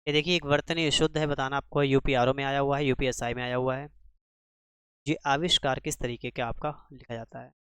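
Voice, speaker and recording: A man's voice: medium pitch, flat delivery, fairly quick, a bit bright, smooth, no room sound, clean studio sound. A man teaching a spelling lesson for exam preparation, quizzing the class with rhetorical questions and repeating each answer. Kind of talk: exam-prep grammar lesson.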